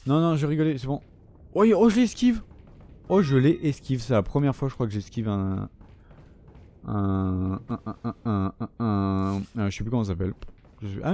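A man's voice: mid-range voice, mellow. Chatty man swearing through gameplay commentary. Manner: chatty, swears often, talks to the enemies on screen. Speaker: gaming channel host.

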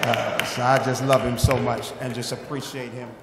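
A middle-aged man preaching as a guest speaker, repeating key phrases and building up to shouted emphasis. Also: mid-range voice, level tone, normal speed, very noisy. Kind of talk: sermon. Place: church sanctuary. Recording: roomy church hall reverb.

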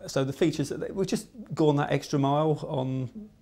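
A middle-aged man with an English accent, giving a measured, explanatory documentary interview indoors about a housing project he managed. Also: on the high side, vocal fry, dark tone.

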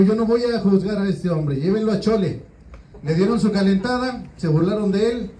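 A man's voice: sits high, warm tone, far from the mic. A man with a Mexican accent doing a crude, slang-heavy stand-up routine. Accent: Mexican Spanish. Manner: crude, slangy storytelling, frequent "güey". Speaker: stand-up comedian. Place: small open-mic venue. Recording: roomy, from off-mic with faint room noise.

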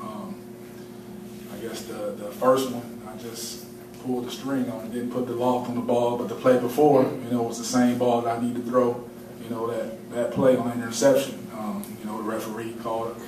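A man answering at a postgame press conference, candid and self-critical, with many fillers. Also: mid-range voice. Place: large press room. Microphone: table mic, heard from a distance. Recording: roomy, distant, noisy press room audio.

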